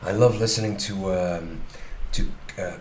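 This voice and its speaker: A man from Europe, a guest in a casual chat, speaking haltingly with many pauses and restarts. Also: low-pitched, fairly even intonation, roomy sound, over a noisy crowd. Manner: hesitant, halting, lots of uh and restarts.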